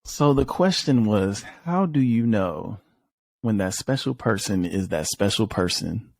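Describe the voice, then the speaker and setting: Podcast host, a man, casual and easygoing, lowish voice, dry close mic. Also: lively intonation, a little slow, gravelly, darkish tone, no room sound. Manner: laid-back, many fillers like "you know". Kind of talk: casual interview chat.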